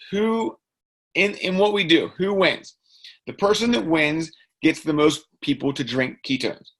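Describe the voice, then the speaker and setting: A man's voice: a little high, fairly bright tone. A man giving a motivational training talk to his sales team, emphatic and repetitive. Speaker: team leader.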